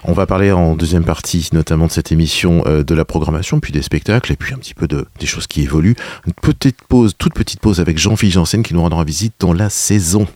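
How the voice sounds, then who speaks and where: A man hosting a radio interview in a studio, talking quickly and summarizing, with many fillers. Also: low voice, darkish tone, no echo. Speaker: radio host.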